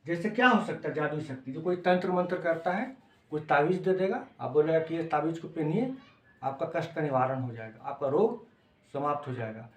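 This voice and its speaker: A man with a Bihari accent gives an informal lecture as a coaching teacher, his voice a little high, animated and a little fast. He explains in simple words, repeats phrases, and uses short tags to check that students are following. The room is echoey and reverberant.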